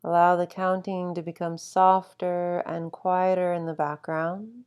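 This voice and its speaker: A woman guiding a sleep meditation with calm, soothing instruction and long, unhurried pauses. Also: on the low side, clean tone. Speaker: meditation guide.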